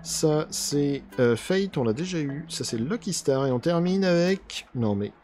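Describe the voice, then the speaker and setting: A man's voice: on the high side, lively intonation, unhurried, a little mellow. A man hosting a card unboxing in casual commentary, chatty and grumbling with a mock-angry edge.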